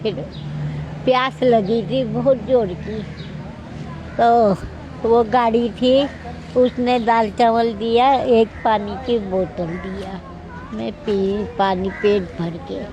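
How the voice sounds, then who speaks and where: Woman in her seventies, plaintive, resigned, slow, slightly high voice, outdoor station interview. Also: fairly even intonation, dull audio, noisy background. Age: 70s. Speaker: stranded elderly interviewee. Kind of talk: street interview.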